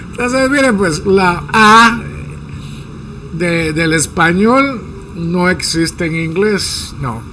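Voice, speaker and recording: A man teaching English pronunciation in a casual, joking lesson, drawing out each sound slowly to demonstrate it. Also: sits high, animated, bright, forceful tone, a little hiss or hum, rough recording. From Guatemala. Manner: slow, drawn-out demonstration of sounds, playful jokes.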